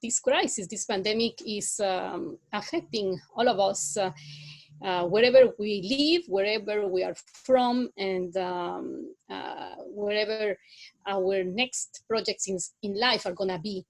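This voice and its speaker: Slow, hesitant Guatemalan woman lecturing. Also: medium pitch, low-quality recording. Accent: Guatemalan Spanish. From Guatemala City. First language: Spanish. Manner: halting, many filler sounds. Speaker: guest speaker. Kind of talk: online guest lecture.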